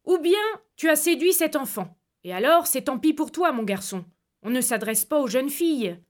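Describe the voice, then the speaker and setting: A woman reading aloud voices a stern, angry older uncle who scolds and lectures gravely. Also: high voice, lively intonation, normal speed.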